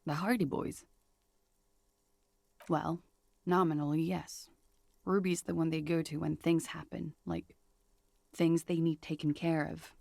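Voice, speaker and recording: A guarded young woman in a video game, frightened of those hunting her. Her low voice is heavily creaky and gravelly. She confesses in a measured, weary way, recorded dry and close. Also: little pitch movement, darkish tone, no echo, exaggerated voice.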